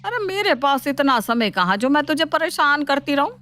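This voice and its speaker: A woman voicing a scheming, sharp-tongued mother-in-law who taunts and mocks her daughter-in-law in a cartoon story. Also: high voice, sing-song, moderate pace, faint music behind, heavily acted. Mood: mocking. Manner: taunting, mocking. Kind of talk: cartoon voice acting.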